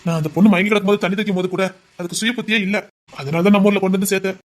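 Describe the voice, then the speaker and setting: A man acts out a dutiful village policeman. His voice stays soft and reassuring. He speaks with quiet, gentle care in a Tamil audio drama. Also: high voice, steady tone, very fast, natural voice. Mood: calm.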